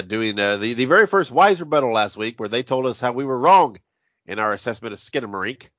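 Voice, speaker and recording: A man hosting a podcast, heavily congested so his voice sounds stuffed up, as if inside a box. He talks in a casual, halting way with many restarts. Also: mid-range voice, fairly bright tone, dry recording. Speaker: podcast host. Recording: dull, dry, muffled recording.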